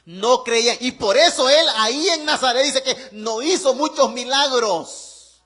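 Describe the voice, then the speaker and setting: Bright-voiced pastor preaching. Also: male voice, very high voice, unhurried. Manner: animated preaching, rhetorical questions to the congregation. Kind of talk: sermon.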